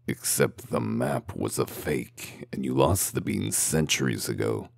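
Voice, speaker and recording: A man playing a gruff, world-weary wolf detective in a comic dub, with gravelly voice and dry, sardonic, interrogating delivery. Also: rumbling low, a little slow, dry recording, full character voice. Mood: sardonic, stern.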